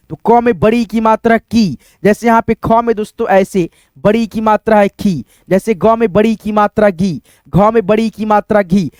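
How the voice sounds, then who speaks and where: A male teacher giving a casual writing lesson, explaining slowly step by step and asking questions that he answers himself. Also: high-pitched, a little mellow, no echo, clean studio sound. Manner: explains slowly and step by step, says "friends" often, asks then answers himself.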